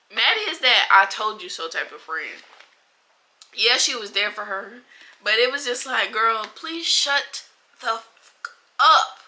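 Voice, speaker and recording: A woman's voice: a little high, sharp tone. A young adult woman chatting bluntly and animatedly in a book vlog, full of slang and asides. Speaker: book vlogger. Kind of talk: casual reading wrap-up chat.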